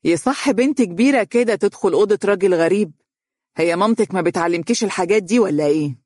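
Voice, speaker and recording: A narrator voicing a sharp-tongued, jealous young wife in an audiobook story, speaking quick, cutting Egyptian Arabic. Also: female voice, lowish voice, no room sound, studio quality, lightly acted. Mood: scornful.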